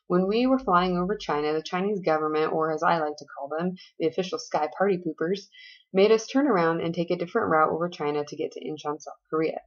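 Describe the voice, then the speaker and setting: A woman's voice: sits low, muffled recording. An American woman in her twenties, chatty and playful, narrating a casual travel diary. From United States. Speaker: vlogger.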